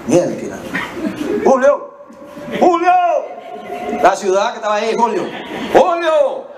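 Animated Dominican comedian on stage. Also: male voice, high-pitched, slow, far from the mic. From Dominican Republic. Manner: animated, shifting into voices, slangy. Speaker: stand-up comedian. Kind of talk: live stand-up comedy. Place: small theater stage, indoors. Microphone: handheld mic. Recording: echoey hall, mic heard from afar, loud noise.

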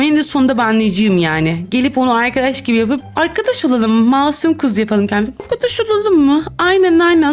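A young woman chats through a game in a casual, giggly way, teasing players and reading their lines aloud. Her voice sits fairly high. Faint music plays behind her. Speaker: gaming YouTuber. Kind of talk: casual game commentary with role-play.

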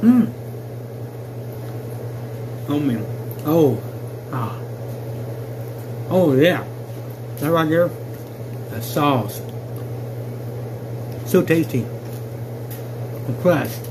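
A man's voice: a little high, lively intonation, drawn-out words, pauses often, background noise. A man reviewing food in a casual vlog, talking with his mouth full and letting out savoring exclamations. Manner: enthusiastic, rambling, savoring exclamations.

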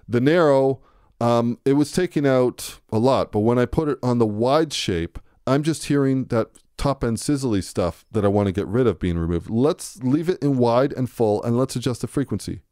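A man giving a relaxed, conversational music production tutorial, thinking aloud as he works. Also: medium pitch, normal speed, no room sound, clean studio sound. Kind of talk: screen-recorded software tutorial. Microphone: close to a studio microphone.

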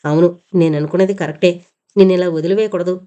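A man's voice: high-pitched, steady tone, quick pace, mellow, smooth, muffled recording, natural voice. A woman voicing a protective, impatient young man in an audio novel. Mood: stern.

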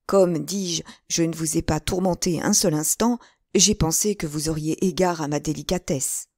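A woman's voice: deep voice, normal speed, darkish tone, no echo, clean studio sound. Woman voicing an anxious middle-aged landlord. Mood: fussy. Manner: anxious, hesitant and fussy. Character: nervous middle-aged male shopkeeper landlord.

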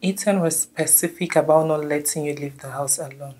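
An actress playing a firm, watchful female minder, calm and insistent. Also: low-pitched, a little fast, noisy background, natural voice.

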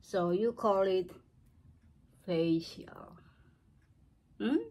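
Woman in her seventies, home vlogger, very slow and halting, reaching for words as she goes. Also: mid-range voice, darkish tone. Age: 70s. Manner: slow, searching for words, non-native phrasing. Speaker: craft and beauty vlogger. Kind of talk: unscripted home tutorial. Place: cluttered living room at home.

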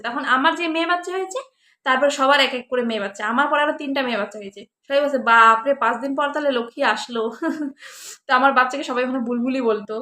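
A woman's voice: a little high, fairly bright tone, roomy sound, slight background noise. A young woman, telling a personal story in a casual vlog, chatty, with lots of fillers and restarts. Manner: chatty, filler-heavy retelling with many restarts. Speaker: vlogger.

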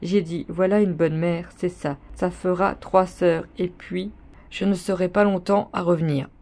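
A woman's voice: fairly low pitch, fairly even intonation, a little slow, a little mellow. A woman reading the lines of a poor young mother pleading with an innkeeper's wife, in a storybook reading.

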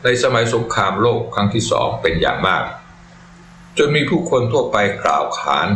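A man narrating a Buddhist monk's life story in a calm, measured, reverent way. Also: on the low side, a little hiss or hum. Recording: echoey room with faint music. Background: faint music.

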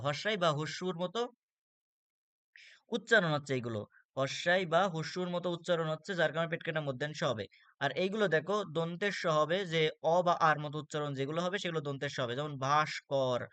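A man with a Bangladeshi Bengali accent teaches a spelling lesson in a smooth, resonant voice that sits fairly high. He works through examples step by step, repeating words and filling pauses with "ah". The sound is close and dry, with no room around it. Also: fairly bright tone, no echo. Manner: explains step by step, repeats words, frequent "ah" fillers. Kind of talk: spelling lesson for exam students.

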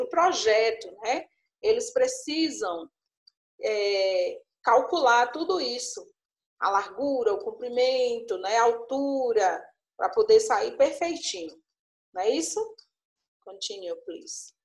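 A woman's voice: a little high, roomy sound. A woman teaching an English lesson, explaining patiently and checking in with frequent little questions. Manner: coaxing, frequent tag questions. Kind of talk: online class explanation.

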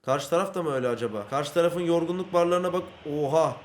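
A man giving excited live commentary on his football video game, yelling at and scolding his players, then dropping to a mutter, recorded in a room at home at night. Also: fairly high pitch, quick pace. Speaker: gaming YouTuber.

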